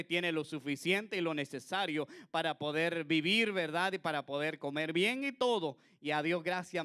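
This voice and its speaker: A man preaching a sermon earnestly, turning to the listener with frequent asides and swinging between loud exclamations and quiet passages. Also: sits high, smooth. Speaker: pastor.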